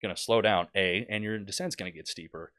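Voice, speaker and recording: A young man, a flight instructor, chatting casually as a podcast guest, animated and joking as he tells stories. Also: sits low, a little fast. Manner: animated, jokey, acts out quotes. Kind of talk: casual storytelling chat.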